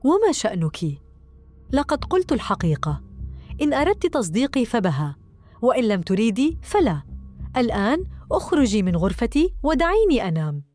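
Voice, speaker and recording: A woman's voice: fairly high pitch, very animated, a little fast, darkish tone, faint music behind. A woman voicing a cold, secretive older sister. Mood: sharp. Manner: curt, dismissive.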